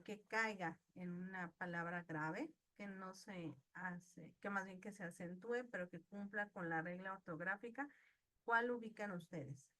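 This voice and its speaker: A woman's voice: medium pitch, pushed and bright. A woman teaching an online class, patiently asking her students questions and praising their answers. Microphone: video call.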